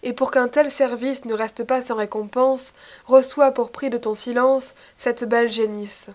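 A woman's voice: a little high, steady tone, measured pace, a little mellow, close to an everyday voice. A woman reading the part of a cunning young male trickster god in a storybook tale, her voice raised and pressing. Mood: coaxing.

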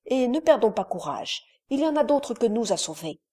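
Woman putting on a calm, firm young boy. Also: fairly high pitch, moderate pace. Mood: steady. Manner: firm and reassuring, giving orders. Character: calm, steady thirteen-year-old boy leading the crew.

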